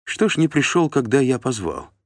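A man voicing a stern, calm warlord who speaks quietly and with menace. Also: moderate pace, no room sound, natural voice. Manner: stern, low-key, menacing.

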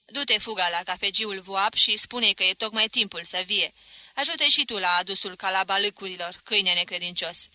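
A woman reading a novel aloud, voicing a harsh older male master barking orders loudly. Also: mid-range voice, dry recording. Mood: commanding.

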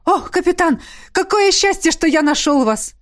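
A woman voicing a frantic, fussy male temple priest in a storybook reading, pleading in high, loud bursts. The delivery is close and dry. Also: animated, moderate pace. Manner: pleading, breathless exclamations.

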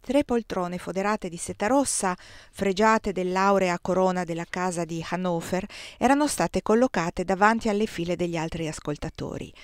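A woman reading a first-person novel aloud as an audiobook, measured and expressive, on a close mic. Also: lowish voice, dry recording. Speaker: audiobook reader.

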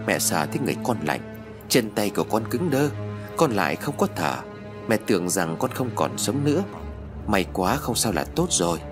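Man doing a tearful anxious mother. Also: on the low side. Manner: pleading, worried.

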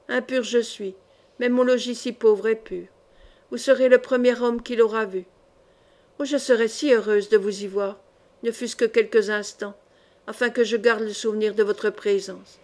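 A woman's voice: on the high side, fairly even intonation, moderate pace, close to an everyday voice. Woman voicing a timid pale young woman. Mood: hushed. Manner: soft, slightly trembling.

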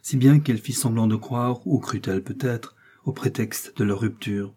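A man narrating a classic novel in a measured, expressive audiobook reading. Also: mid-range voice, breathy edge.

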